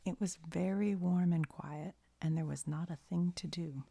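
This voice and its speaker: With a gentle storybook manner, a woman reads a bedtime story for ASMR listeners in a deep, breathy, hushed half-whisper. She keeps a moderate pace and fairly even intonation, and the recording is dry.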